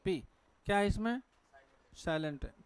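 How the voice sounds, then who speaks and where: A man's voice: high-pitched, moderate pace, clean tone, dry recording. A man with a Hindi accent teaching pronunciation to a class at a board, asking questions and answering them himself. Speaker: English teacher.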